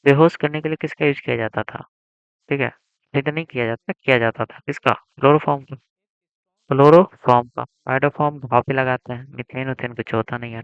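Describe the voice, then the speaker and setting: A man's voice: medium pitch, smooth, no echo. Man teaching chemistry, quizzing his students. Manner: repeats questions and prompts students to answer. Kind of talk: board exam lesson. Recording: dry, dull lo-fi sound.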